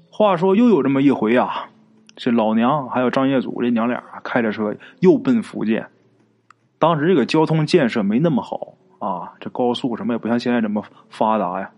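A man's voice: medium pitch, darkish tone. A man narrating a ghost story in a chatty, folksy way, drawing out particles and speaking straight to his listeners.

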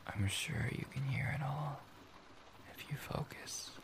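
A man playing a tender, soothing boyfriend in a whispered role-play, speaking softly, warmly and intimately, as if very close to his partner. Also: medium pitch, measured pace, natural voice. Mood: dreamy, calming. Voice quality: soft, breathy whisper with creak.

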